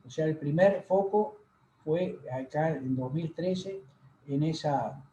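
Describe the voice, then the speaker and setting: A man giving a university lecture over slides, unhurried and full of fillers and pauses. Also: on the high side, mellow, slight background noise. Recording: echoey room, dull lo-fi sound.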